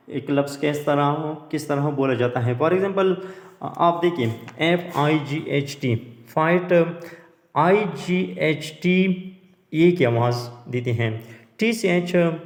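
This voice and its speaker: Male language teacher, deliberate pace, spells words aloud, slightly high voice, reverberant room. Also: a little mellow. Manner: spells words out letter by letter, with many hesitations. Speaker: English grammar teacher. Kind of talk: slow explanatory lesson.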